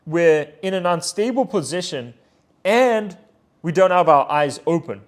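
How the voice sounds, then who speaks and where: A man with a notably high voice talks through training drills as a coaching voice-over. His tone is explanatory, and he often pauses to check in with a quick "right?" or "okay?". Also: expressive. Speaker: pitching coach and channel host. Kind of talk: instructional voice-over.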